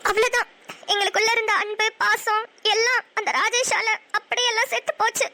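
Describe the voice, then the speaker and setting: A woman's voice: extremely high pitch, level tone, pushed and bright. A woman with a Namakkal Tamil accent, narrating and voicing a cartoon story with emotional, scolding delivery. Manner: emotional, scolding, fast-talking. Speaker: voice artist and narrator.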